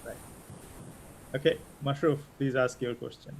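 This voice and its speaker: Gravelly host, hesitant. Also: male voice, medium pitch, steady tone, measured pace, a little hiss or hum. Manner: hesitant, many fillers. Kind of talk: live online interview.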